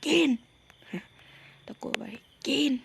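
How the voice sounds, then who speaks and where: A man's voice: drawn-out words, pushed and bright, slight background noise. A man giving a casual game walkthrough, rambling and jokey, often dropping to a whisper. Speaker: game channel host.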